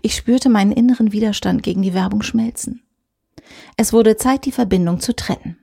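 A woman's voice: mid-range voice, a little fast, vocal fry, warm tone, husky. A woman reading a first-person short story aloud in a dry, sardonic tone. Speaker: audiobook reader. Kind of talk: scripted story narration.

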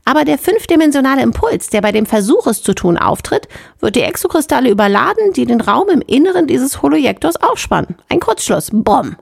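A woman reading an audiobook, voicing a sharp-witted female chief engineer with a brisk, cocky manner. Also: sits high, very animated, vocal fry, slightly rough, no echo, studio quality, voice pushed up, heavily acted. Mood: explaining. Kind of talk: audiobook character voice.

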